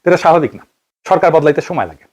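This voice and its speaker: A man with a Bangladeshi Bengali accent delivers an investigative political monologue, asking pointed rhetorical questions and answering them himself. His voice sits high for a man, and he talks at a rapid clip. His pitch rises and falls in wide, lively swings. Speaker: political commentator.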